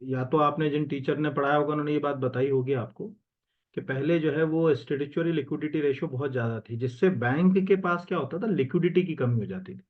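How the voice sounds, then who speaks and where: A man's voice: a little high, brisk, narrow, tinny audio. Man talking through exam answers. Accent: Hindi with English terms mixed in. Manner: conversational, many fillers and self-corrections. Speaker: exam coaching teacher. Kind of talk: explaining exam answers while screen-sharing.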